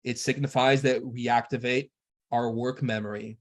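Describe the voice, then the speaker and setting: A man speaks at a middle pitch, neither high nor low, giving a spiritual lecture. His delivery is measured and earnest, unhurried like a teacher laying out instructions. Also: steady tone.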